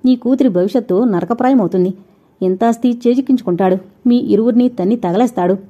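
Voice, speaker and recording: A brash young man from a storybook, taunting and insistent, as a woman reader puts him on. His voice sits low and mellow. The recording sounds dull and lo-fi. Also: fast talker, lightly acted. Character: brash, scornful young man pressing to marry.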